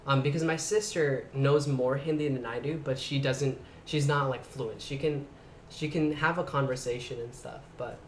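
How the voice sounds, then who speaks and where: A man's voice: mid-range voice, fairly even intonation, normal speed, roomy sound, a little hiss or hum. Reflective young man from the Bay Area. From San Francisco Bay Area. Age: young adult. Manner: reflective, trails off quietly at the ends of thoughts. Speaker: guest. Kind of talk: casual interview chat.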